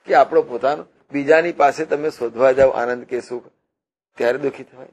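A man preaching a devotional sermon, teaching slowly and repetitively with rhetorical questions and parables. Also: medium pitch, steady tone. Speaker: religious preacher.

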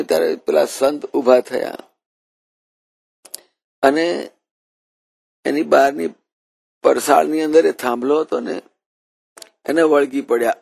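A man's voice: a little high, creaky, darkish tone, husky, no echo. A man preaching a devotional sermon, telling a story and often repeating and rephrasing his words. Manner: repeats and rephrases while narrating.

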